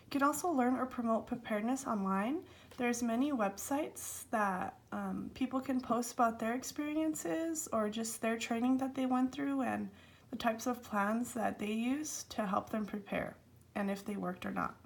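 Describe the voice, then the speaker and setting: A young adult woman delivers a student presentation in a somewhat high voice. She follows a script but slips into informal, slightly hesitant explanation. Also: moderate pace, creaky.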